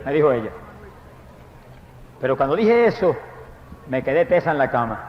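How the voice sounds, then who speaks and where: A man giving a fervent testimony sermon as a preacher, breaking into loud praise. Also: medium pitch, very animated, moderate pace. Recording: echoey, dull lo-fi hall recording.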